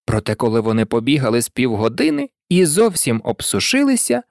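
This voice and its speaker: A narrator reading a children's storybook aloud with an expressive, swooping delivery. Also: medium pitch, a little fast, creaky, dry recording, studio quality.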